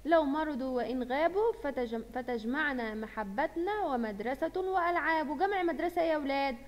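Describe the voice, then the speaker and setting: A woman's voice: high voice, fast. A woman with an Egyptian Arabic accent teaching a primary school lesson, asking questions and praising the pupils. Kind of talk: recorded lesson for young children. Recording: long reverb from a hall-like room.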